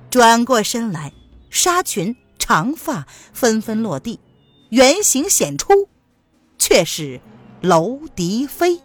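A woman narrating a martial-arts novel in a lively, expressive storytelling manner. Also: high-pitched.

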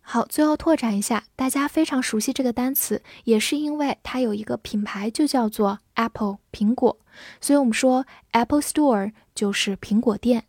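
A woman teaching English words in Chinese, spelling each word out letter by letter and reading example sentences slowly. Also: fairly high pitch, darkish tone, dry recording, clean studio sound. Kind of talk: vocabulary lesson.

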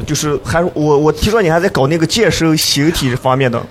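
Hesitant man. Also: fairly high pitch. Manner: halting, hesitant. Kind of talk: casual chat.

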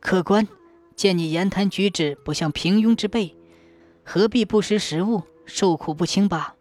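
A woman voicing a timid, kindhearted male boatman who speaks softly and anxiously, lower than her narration. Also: normal speed, close to an everyday voice. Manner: soft, anxious, pleading.

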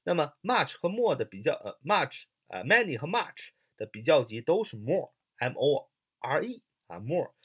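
A man's voice: on the high side, very animated, unhurried, husky. A man teaching English grammar in Mandarin, spelling words out letter by letter with frequent fillers. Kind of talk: explaining grammar lesson.

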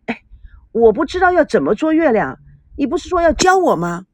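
A woman's voice: sits high, big pitch swings, a little fast, darkish tone, no room sound, pitched above the performer's own voice. Lady doing a fed-up wry young guy in a story, dry close sound. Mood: exasperated. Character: exasperated young man, wry and indulgent.

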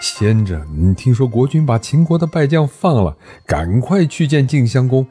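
A man's voice: mid-range voice, very animated, normal speed, dark tone, slightly rough, faint music behind. A man telling an ancient history story, narrating with animation and voicing every character.

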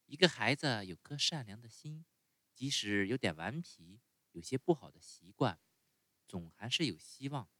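A man voicing a gentle, motherly fairy woman in a calm, soft way of speaking. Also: mid-range voice, normal speed, dry recording.

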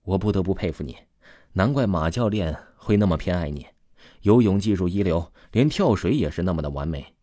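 A man voicing a smiling, evasive young male swimmer who speaks smoothly. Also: low-pitched, expressive, fairly quick, mellow, no echo, clean studio sound. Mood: admiring.

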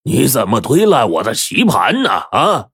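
A man's voice: on the low side, wildly swooping pitch, fairly quick, a little mellow, breathy edge, no echo, studio quality, full character voice. A man voicing a blunt, nosy elderly man in a nursing home who pries and protests. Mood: indignant. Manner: prying, indignant.

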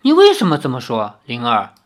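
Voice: medium pitch, wildly swooping pitch, brisk, pitched below the performer's own voice. A reader voicing an impulsive, insistent young man. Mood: urgent. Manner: insistent and urgent questioning.

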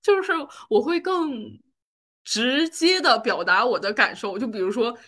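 A woman's voice: a little high, measured pace, a bit bright. A woman in her twenties, a podcast co-host, chatting casually about her own life and rambling through fillers and restarts. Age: 20s. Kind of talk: casual personal chat.

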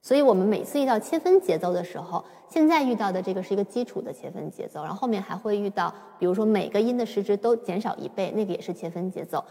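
A woman giving a patient, step-by-step piano lesson, explaining slowly with occasional fillers. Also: mid-range voice, lively intonation, warm tone. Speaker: piano teacher. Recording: long reverb with piano. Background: piano played at times.

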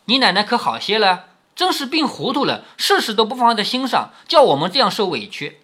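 Stern proud young lady scolding away, read by a guy, bright and husky, pitch jumping all over. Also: sing-song, fairly quick, full character voice. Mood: aggrieved. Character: sharp proud young noblewoman. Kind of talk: storybook reading.

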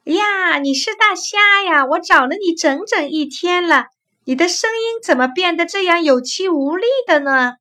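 A woman's voice: sits high, sing-song, a little slow, pushed and bright, full character voice. A woman voicing an anxious, kind-hearted blind male river clam who talks eagerly. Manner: eager, exclaiming.

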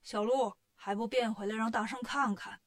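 A woman's voice: fairly even intonation, normal speed, natural voice. A woman doing a mild old god of longevity. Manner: low, mild and chatty. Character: genial old male god of longevity, easygoing.

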